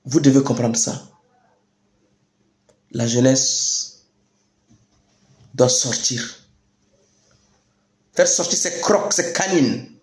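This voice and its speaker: A young man with a Chadian French accent giving a rousing political address, emphatic and deliberate, with repeated phrases and rhetorical questions. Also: medium pitch, lively intonation. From Chad. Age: young adult. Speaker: youth activist speaker. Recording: echoey room sound.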